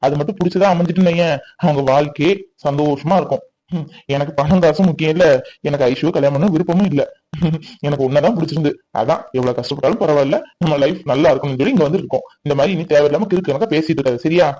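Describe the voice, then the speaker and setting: A man playing a firm young husband, fast talker. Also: fairly high pitch, warm tone, close to an everyday voice, rough recording. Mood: reassuring. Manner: firm, reassuring, bossy. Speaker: actor. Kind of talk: family comedy-drama acting.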